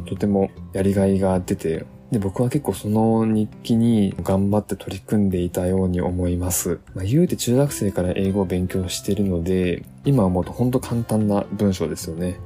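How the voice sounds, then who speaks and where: A man hosting a solo podcast, talking in a relaxed, reflective way with many fillers as he recalls his school days. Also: deep voice. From Japan. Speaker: podcast host.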